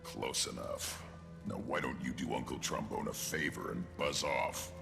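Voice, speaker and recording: A man voicing a gruff, battle-worn beast warrior in a video game, gravelly and drily sardonic, over game music. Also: rumbling low, moderate pace, in a large hall. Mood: sardonic, grumpy. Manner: dry, sardonic.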